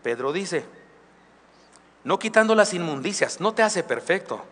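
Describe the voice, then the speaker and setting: Male pastor, bright voice pitched a bit high, chatty sermon, church with long reverb. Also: expressive, a little slow. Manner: conversational preaching, with asides and humor. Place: church sanctuary. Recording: live church recording with long hall reverb.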